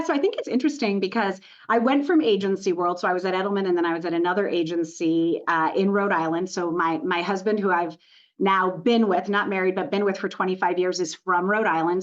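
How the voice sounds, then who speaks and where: A woman's voice: fairly low pitch, fairly even intonation, fairly quick, lo-fi sound. A woman from Montreal, Canada, a corporate communications executive, telling her story as a podcast guest with frequent "you know" fillers. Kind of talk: podcast interview.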